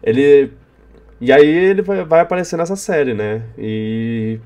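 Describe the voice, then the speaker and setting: A young man with a Brazilian Portuguese accent hosting a casual podcast, speaking in a halting, rambling way and often repeating words. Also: medium pitch, dark tone. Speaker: podcast host. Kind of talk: casual unscripted podcast chat.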